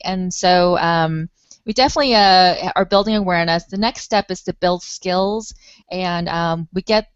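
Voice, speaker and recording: Casting: earnest woman, low-set voice, dry and close, lo-fi web stream. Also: clean tone, no echo. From Taiwan. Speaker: nonprofit spokesperson. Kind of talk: panel discussion.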